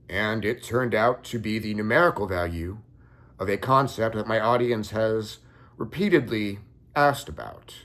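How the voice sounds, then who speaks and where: A young man calmly recounting a dream in a measured first-person story. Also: lowish voice. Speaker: occult content creator.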